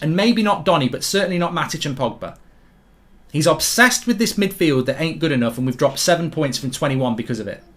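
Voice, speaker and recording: A man's voice: a little high, a bit bright. A man hosting a fan channel, giving an emphatic, repetitive post-match breakdown. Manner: emphatic, repetitive, frustrated reasoning. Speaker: football fan channel host. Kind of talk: casual post-match rant to camera.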